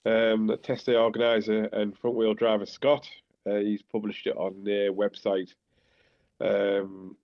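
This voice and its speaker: A man with a Teesside accent, co-hosting a podcast and reading out announcements in a casual, halting way. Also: lowish voice, dry recording. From Teesside, north-east England. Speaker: podcast co-host. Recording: slightly dull lo-fi microphone.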